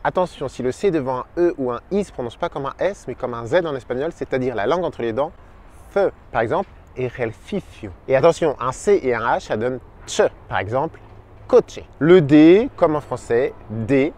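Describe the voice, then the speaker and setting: A man giving an upbeat video lesson as a language teacher, sounding out each letter slowly and clearly. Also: medium pitch, expressive, darkish tone. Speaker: Spanish teacher.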